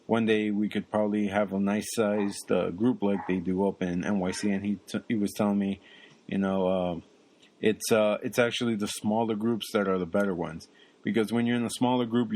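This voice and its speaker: A young man co-hosting a podcast chats casually, rambling along and filling pauses with ums and uhs. His voice sits low, with a darkish tone.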